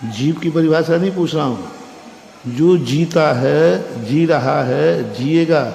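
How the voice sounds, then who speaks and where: A man's voice: fairly high pitch, slow pace, gravelly, darkish tone. A man teaching as a monk in a classroom-style religious lecture, quizzing his listeners and repeating key phrases in a conversational way. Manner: quizzes listeners with frequent questions. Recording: echoey hall with faint background noise.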